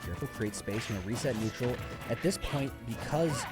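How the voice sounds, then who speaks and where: A man's voice: medium pitch, expressive, a little fast. Talkative male esports caster over music. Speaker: esports commentator, also a player. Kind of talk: live esports play-by-play commentary. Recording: music behind the voice.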